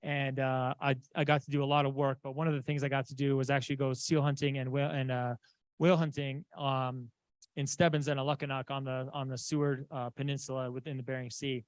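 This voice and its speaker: A man from Southeast Alaska giving a conference slide talk, halting with many fillers and restarts. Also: mid-range voice, level tone, no echo. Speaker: conference presenter. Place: conference room.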